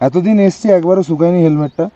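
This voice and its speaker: A man's voice: on the high side, steady tone, rapid-fire, dark tone, lo-fi sound, slight background noise. A man vlogging his motorbike trip outdoors at a hilltop monastery, talking casually to camera and mixing English words into his speech, a bit out of breath. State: somewhat out of breath. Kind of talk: casual vlog narration to camera.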